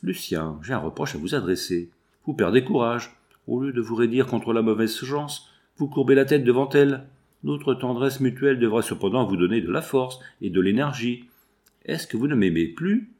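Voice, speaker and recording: A man's voice: mid-range voice, animated, normal speed, a little mellow, natural voice. A man voicing a young woman seamstress, patient and loving, read in an earnest, pleading way in an audiobook. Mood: tender, pleading.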